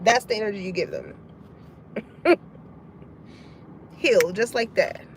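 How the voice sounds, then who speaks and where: A woman's voice: mid-range voice, expressive, slow pace, a little hiss or hum. A woman giving a casual tarot reading to her collective audience, frank and profane, laughing often as she talks. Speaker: tarot card reader.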